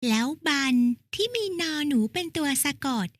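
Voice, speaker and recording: A high, bright little schoolgirl from a children's lesson cartoon, put on by a woman, asking eager, polite questions. The sound is close and dry, with no room around it. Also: animated, moderate pace, dry recording. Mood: curious. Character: young schoolgirl, curious little sister. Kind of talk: educational cartoon dialogue.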